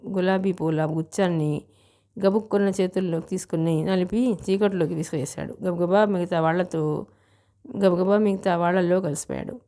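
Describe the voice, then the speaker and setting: A woman narrating a novel as an audiobook, reading in a measured, steady way. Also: on the low side.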